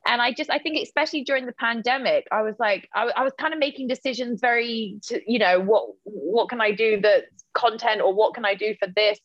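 Woman chatting playfully, highish voice. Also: no room sound, lo-fi sound. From Britain. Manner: playful, rambling. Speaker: interview guest, model and actress. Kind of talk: casual chat.

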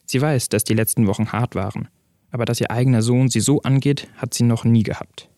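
Calm male storyteller, dry close sound. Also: mid-range voice, fairly quick, no room sound. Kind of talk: scripted narration.

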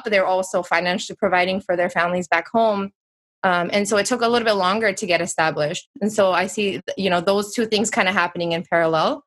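Speaking as an interview guest, a woman from the United States in her thirties chats reflectively and uses lots of filler words. Her voice is medium in pitch with a fairly bright tone, and the conversation is casual.

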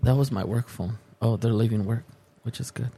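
A man's voice: medium pitch, a little fast, gravelly, dark tone, a little hiss or hum. A middle-aged man hosting casual podcast banter, full of bro slang and joking, slipping between English and Spanish. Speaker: podcast host.

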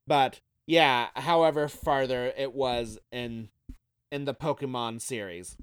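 A man's voice: mid-range voice, slow, smooth, no echo, studio quality. A man co-hosting a podcast, eagerly pointing out details and quizzing his partner. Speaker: podcast co-host. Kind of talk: casual podcast chat.

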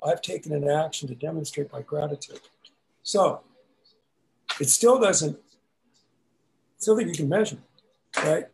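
Podcast guest, male, gravelly, easygoing and rambling, faint hiss under the call audio. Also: on the high side, a little mellow, low-quality recording. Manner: laid-back, says "dig, man". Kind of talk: casual podcast chat.

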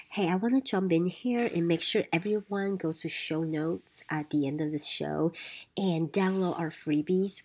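Female podcast co-host from Taiwan, slightly low voice, informal promo read straight to listeners. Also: a little mellow. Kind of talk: casual promotional announcement to listeners.

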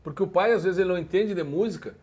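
High-voiced gaúcho man telling stories. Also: rapid-fire, slightly rough. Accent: Gaúcho Portuguese. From southern Brazil. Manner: animated storyteller, acts out voices, laughs often. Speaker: musician guest. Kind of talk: casual storytelling chat.

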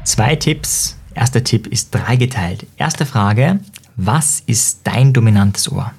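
A man's voice: on the low side, gravelly, husky. A man hosting a podcast, explaining communication ideas to the listener with examples and joking asides. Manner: lively, uses quick asides and tongue-in-cheek jokes. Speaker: podcast host and coach.

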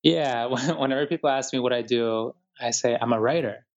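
A man from Ecuador, a writer, talking calmly and thoughtfully in an interview, with many pauses and fillers. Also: mid-range voice, muffled recording. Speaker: guest writer. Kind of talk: reflective interview talk.

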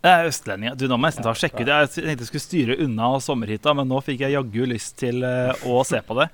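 A man's voice: mid-range voice, fairly bright tone. A man hosting a radio show, leading the talk and reading out listener messages. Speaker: radio host.

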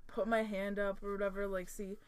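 A woman's voice: mid-range voice, little pitch movement, a little fast, crowd noise. A woman chatting casually and animatedly as a podcast co-host, giggling often and swearing offhandedly. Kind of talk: casual chat.

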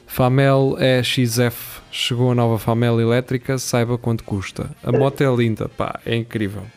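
A man's voice: mid-range voice, fairly even intonation, normal speed, darkish tone, clean tone. A man with a European Portuguese accent and a mid-range voice hosts a loose conversation among friends. He is opinionated and blunt, and swears freely as he talks. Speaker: talk show host. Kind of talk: casual banter with friends.

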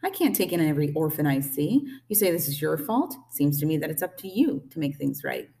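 A woman voicing an old gray female goose who talks in a brisk, bossy, no-nonsense squawk for a storybook reading. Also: low-pitched, sing-song, vocal fry, mellow, distant mic, heavily acted. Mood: blunt, brisk.

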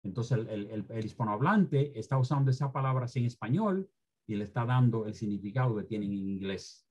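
Strict, emphatic man with a dark, husky voice. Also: fairly low pitch, animated, brisk. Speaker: former Spanish teacher. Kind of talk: interview, opinionated commentary on language.

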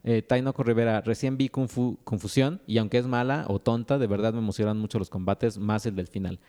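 A man's voice: on the low side, fairly even intonation, brisk, mellow. A man co-hosting a podcast, reading listener comments aloud and laughing often. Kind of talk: casual podcast chat.

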